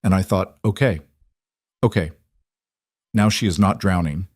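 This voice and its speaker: Reserved powerful man, deliberate low delivery, voiced by the male narrator. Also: no room sound, clean studio sound. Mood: tender.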